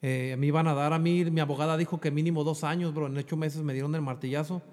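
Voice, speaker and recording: Earnest Mexican man, fairly high voice. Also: fairly even intonation, quick pace, a little mellow, big-room sound. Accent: Mexican Spanish. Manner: earnest, repeats "bro" and mixes in English fillers. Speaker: guest sharing a faith testimony. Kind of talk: emotional personal testimony.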